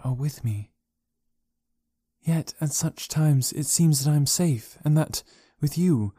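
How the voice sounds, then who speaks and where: Man reading as a gentle young princess, soft and measured, slightly raised voice, dry close sound. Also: a little high, dry recording.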